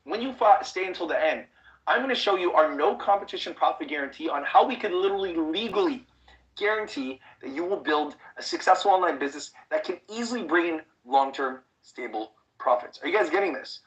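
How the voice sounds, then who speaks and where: A man from the Chicago suburbs giving an online sales webinar pitch, pushy and constantly asking the audience if they are following. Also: expressive, brisk, fairly bright tone, poor audio. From United States, Chicago suburbs. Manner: pushy, repeats rhetorical check-in questions. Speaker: online business trainer.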